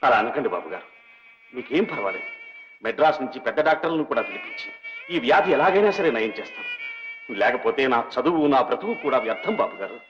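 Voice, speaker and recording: A man's voice: mid-range voice, big pitch swings, quick pace, close to an everyday voice. An actor playing an earnest, respectful young doctor devoted to his old benefactor, speaking in a deferential, emotional way in an old film scene. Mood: devoted pleading. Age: young adult. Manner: earnest, deferential, cries out in anguish. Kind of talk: 1950s Telugu film acting. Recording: dull old film soundtrack with reverb and music.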